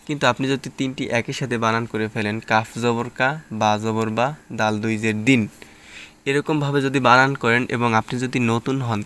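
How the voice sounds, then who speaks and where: A man teaching Quran reading, sounding out letters and syllables in slow, drawn-out drills with quicker asides of explanation. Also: medium pitch, a bit bright, a little hiss or hum. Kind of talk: step-by-step spelling lesson.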